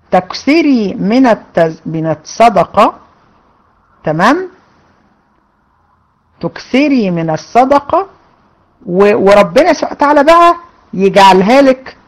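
A woman's voice: mid-range voice, poor audio. Woman teacher, Egyptian Arabic accent, casual Q&A lesson, reads questions then chats through answers. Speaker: religion teacher.

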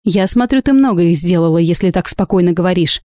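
Woman reader doing an indignant young woman defending her friend, warm, dry. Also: lowish voice, expressive, fast talker, no echo, lightly acted. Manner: indignant, sharp.

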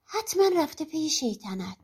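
A woman voicing a furious iron-toothed cannibal witch, roaring shrill commands in a storybook reading. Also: very animated, darkish tone.

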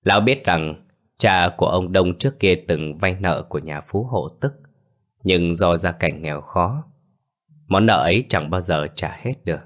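A man narrating a scripted ghost story in a steady, dramatic storytelling manner. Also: sits low, measured pace.

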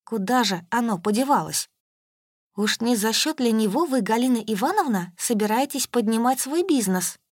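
A woman's voice: fairly high pitch, lively intonation, moderate pace, dry recording, clean studio sound. A woman narrating an audiobook in the first person, in a wry, ironic way.

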